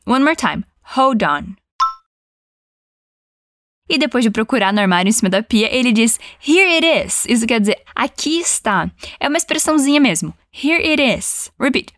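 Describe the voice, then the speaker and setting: A woman teaching an English lesson, giving encouraging prompts and modelling phrases slowly for the listener to repeat. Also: on the high side, dry recording, clean studio sound.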